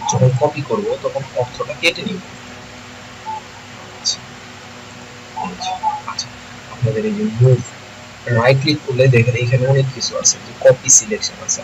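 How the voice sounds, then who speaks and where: A man, teaching software in a screen-recorded tutorial, thinking aloud and often checking that listeners follow. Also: mid-range voice, highs cut off. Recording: noisy home recording.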